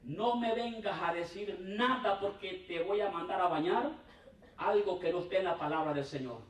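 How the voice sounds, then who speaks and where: A male pastor preaching a conversational sermon, often calling out to his congregation, with emphatic swings between raised and hushed delivery. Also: high-pitched, moderate pace. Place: church. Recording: roomy church hall, mic at a distance.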